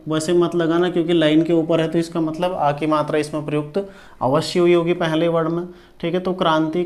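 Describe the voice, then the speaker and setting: A man teaching shorthand in a lesson, repeating each word slowly and checking in with his students often. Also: fairly high pitch, a little mellow. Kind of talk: classroom lesson.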